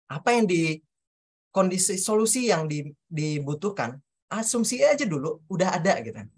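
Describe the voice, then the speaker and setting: A woman's voice: fairly low pitch, big pitch swings, moderate pace, slightly rough. A woman presents a coaching workshop, speaking directly to the audience and acting out example questions, with some hesitant restarts. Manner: hesitant restarts while explaining. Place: talk venue before an audience.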